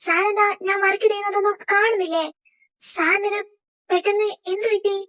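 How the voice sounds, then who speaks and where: A woman's voice: extremely high pitch, steady tone, fairly quick, a bit bright. A woman voicing a timid young female personal assistant who pleads and defends herself. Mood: defensive.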